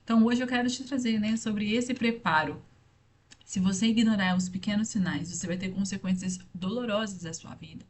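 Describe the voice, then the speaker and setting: A woman's voice: medium pitch, brisk. A young woman speaking earnestly and directly to the listener in a motivational faith talk, repeating her points for emphasis.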